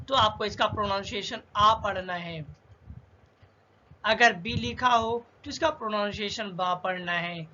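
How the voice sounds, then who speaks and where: A male teacher giving a spoken language lesson, slowly and deliberately drilling letter sounds one by one. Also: very high-pitched, sharp tone. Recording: dull lo-fi with faint hiss.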